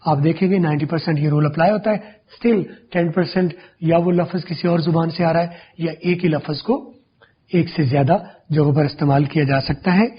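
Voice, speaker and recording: High, husky man teaching pronunciation. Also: highs cut off. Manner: repeats words and sounds slowly to demonstrate. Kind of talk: classroom-style explanation.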